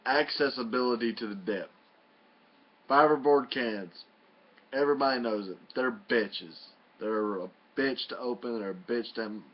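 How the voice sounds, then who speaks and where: A man giving a casual, folksy and mildly profane review in a home video. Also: medium pitch. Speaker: product reviewer. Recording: muffled lo-fi home video audio.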